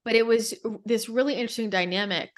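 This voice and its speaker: A woman's voice: a little high, fast talker. Rambling woman telling a spiritual story. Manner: rambling storytelling with frequent restarts. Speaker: podcast conversation partner. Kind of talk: casual spiritual podcast conversation.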